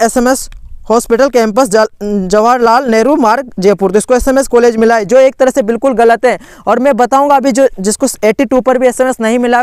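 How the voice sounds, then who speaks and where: Walking through admission lists on a screen recording, this education channel host sounds urgent and indignant, stumbling into frequent restarts and "theek hai" fillers. His voice is very high-pitched and smooth. The studio-quality audio has no echo.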